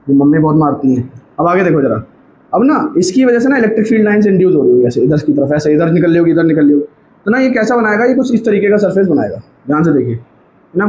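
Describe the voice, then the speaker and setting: A man's voice: high voice, a little mellow. A man teaching a physics lesson at a board, repeating points and checking that students follow, with light teasing asides. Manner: repetitive, coaxing, keeps checking students follow. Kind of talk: classroom lecture at a board. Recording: echoey room with faint background noise.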